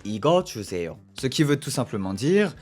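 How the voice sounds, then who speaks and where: A man's voice: mid-range voice, very animated, quick pace, darkish tone. A man giving a casual video lesson in French on Korean restaurant phrases, modelling short Korean lines. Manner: acts out little restaurant scenes, playing both customer and waiter. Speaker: Korean language teacher. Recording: faint background music.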